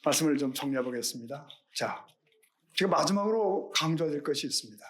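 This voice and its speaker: A man's voice: fairly high pitch, lively intonation, brisk. A middle-aged male pastor giving a Sunday sermon, earnest and questioning, with rhetorical questions to the congregation.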